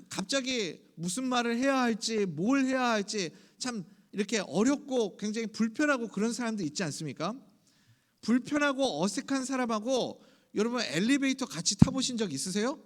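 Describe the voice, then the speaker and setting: A man's voice: high-pitched, fairly bright tone. A male pastor giving an early-morning sermon in a conversational way, often acting out little dialogues and putting questions to the congregation.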